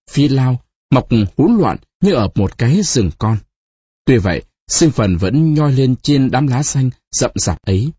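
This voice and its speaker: Audiobook narrator, male, dramatic husky storyteller, close dry sound. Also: medium pitch, warm tone, no room sound, lo-fi sound. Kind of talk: audiobook reading of a novel.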